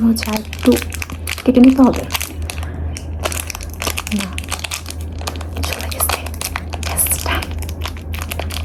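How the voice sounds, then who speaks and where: A woman's voice: a little high, fairly even intonation, extremely slow, pauses often, background noise. A woman from Bangladesh vlogging at home, chatty and often checking in with viewers. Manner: chatty, keeps asking viewers "okay?", hushed when sneaking. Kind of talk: casual vlog to camera. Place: home in Singapore.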